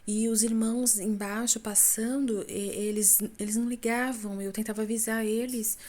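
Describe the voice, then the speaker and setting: A woman's voice: a little high, steady tone, moderate pace, darkish tone. A Brazilian woman with a Brazilian Portuguese accent recounting a dream as a church testimony, talking casually and addressing her listeners as brothers. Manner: conversational, addresses listeners as brothers and folks, frequent tag questions. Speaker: church member giving a testimony.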